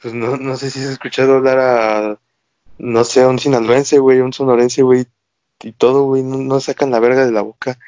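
A man's voice: medium pitch, level tone, brisk, darkish tone, smooth, no echo. Laid-back Mexico City guy, dry sound. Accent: Mexico City Spanish. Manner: laid-back, crude slang. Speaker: podcast co-host. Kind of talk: casual chat.

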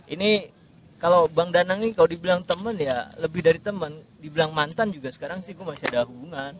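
A man with a fairly high voice chats as a podcast guest. He speaks slang, agreeable and joking in a casual way. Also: quick pace. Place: coffee shop.

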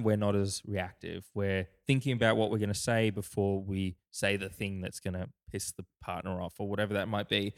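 A man's voice: fairly low pitch, smooth. A young adult man co-hosting a podcast, talking casually with many restarts and fillers. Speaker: podcast co-host. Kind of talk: casual chat.

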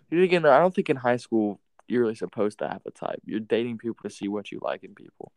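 A man's voice: medium pitch, darkish tone, no room sound, poor audio. A man hosting a casual podcast chat, rambling in a laid-back way and saying "bro" and "like" a lot. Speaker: podcast host.

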